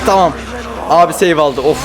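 A man giving live commentary while playing a horror game, jumpy and panicky, often yelling and swearing. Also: a little high, moderate pace, loud music behind the voice, over a noisy crowd.

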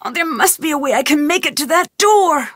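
A video game protagonist, a curious and determined young girl who plays amateur detective, speaks in a bright, animated voice at a slightly fast pace. She thinks aloud, inquisitive and lightly wry. The studio game lines were captured on a close mic in a dry booth with no echo.

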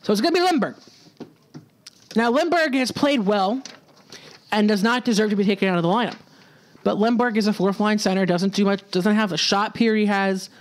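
A young man hosting his own solo hockey podcast, talking casually and throwing in sarcastic asides. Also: high-pitched. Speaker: podcast host.

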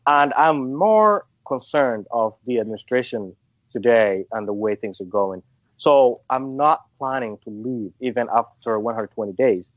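A man's voice: medium pitch, a little slow, dry recording, dull audio. A man from Somalia speaking in an interview, hesitant, with many restarts and fillers. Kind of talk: phone interview.

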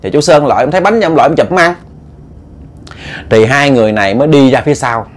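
A man's voice: medium pitch, lively intonation, fast. A man with a Southern Vietnamese accent telling a ghost story in a loose, conversational way, often repeating words as he goes. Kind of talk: late-night ghost story narration.

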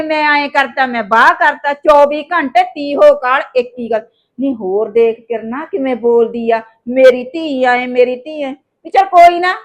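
A woman's voice: sits high, natural voice. A woman playing a nagging village mother-in-law. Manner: nagging, complaining, grumbles to herself. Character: scolding middle-aged village mother-in-law. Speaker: actor in a short village drama. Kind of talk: scripted village short film acting.

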